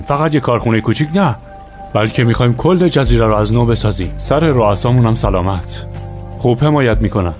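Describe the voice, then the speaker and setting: A man's voice: medium pitch, a little mellow, lightly acted. An actor dubbing a smug, condescending businessman who schemes against the others in a TV drama. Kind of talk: dubbed TV drama acting. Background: background music.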